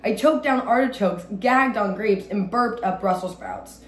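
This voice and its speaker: Reading a children's story with expression, a young woman speaks in a mid-range voice at a measured pace. The recording comes from a small room in her home, slightly off-mic, with a roomy echo and faint background noise.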